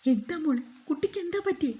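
A woman's voice: high-pitched, animated, fast, mellow, highs cut off, pitched above the performer's own voice. A woman voicing an older grandmother who weeps and prays in fear for her family. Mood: tearful, pleading. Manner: wailing, praying, pleading.

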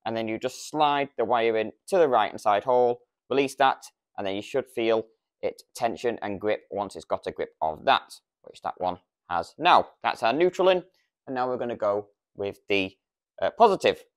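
His pitch is fairly low, his delivery animated and moderately paced. The British man, in his thirties, is casually demonstrating a product step by step with practical explanations, miked with a lavalier on his lapel.

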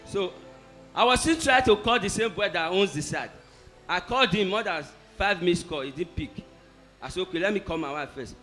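Guy testifying, high and swingy voice, bit of music under. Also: moderate pace. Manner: animated storytelling of an ordeal. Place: church hall.

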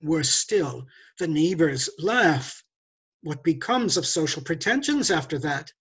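Haughty, persuasive thief played by an older man, stage play: husky, very animated, condescending lecturer. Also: fairly high pitch, unhurried, exaggerated voice. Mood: smooth condescension. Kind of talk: stage play read over video call. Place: indoors, curtained room. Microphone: video call.

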